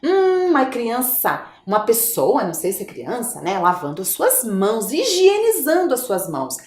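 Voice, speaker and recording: A woman's voice: on the high side, wildly swooping pitch, normal speed, reverberant. A woman with a Brazilian Portuguese accent, a primary school teacher giving a video lesson to young children, coaxing them along in a sing-song voice and drawing out her words.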